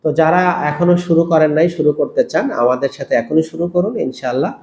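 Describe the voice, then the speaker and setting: A man teaching Quran letters step by step, patiently repeating each sound in a slow, drawn-out way. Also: a little high, darkish tone, roomy sound. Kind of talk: step-by-step recitation lesson.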